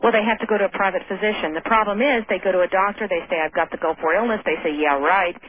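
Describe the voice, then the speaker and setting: A woman's voice: medium pitch, fast talker, husky, dry recording. Earnest woman guest over a tinny phone line. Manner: earnest, firm, emphatic. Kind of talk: call-in radio advocacy talk.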